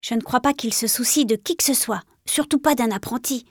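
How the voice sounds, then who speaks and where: Woman voicing a hushed young male apprentice cat, confiding tone, higher pitch. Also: moderate pace, slightly rough, no room sound, clean studio sound.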